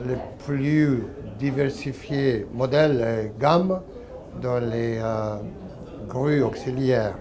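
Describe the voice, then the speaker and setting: A mid-range-voiced man in his sixties, president and owner of a company, gives an update in French, which isn't his first language, speaking with a foreign accent. He hesitates often, searching for words. The interview takes place in a small exhibition stand room at a trade fair, with trade show noise clearly audible.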